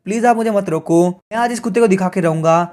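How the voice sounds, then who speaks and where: A man's voice: sits high, quick pace, darkish tone, close to an everyday voice. A man voicing an arrogant young prince, a god's disciple, in a smug, taunting manner.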